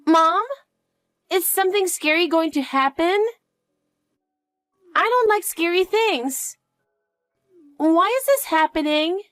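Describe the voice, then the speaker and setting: A woman voicing an anxious, clingy elementary-school girl in an audio drama, asking high, pleading questions. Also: lively intonation, takes it slowly, long pauses, fairly bright tone, no room sound, clean studio sound, faint music behind, exaggerated voice. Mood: scared.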